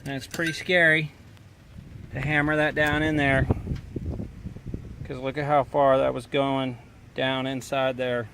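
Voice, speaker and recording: A man's voice: mid-range voice, flat delivery, measured pace, long pauses, a bit bright. A man explaining a repair step by step in casual, plainspoken talk, recorded on a handheld camera. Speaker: vlogger and truck driver. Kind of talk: casual how-to narration. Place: inside a semi truck cab while driving. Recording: noisy truck cab, road noise. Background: truck engine and road noise.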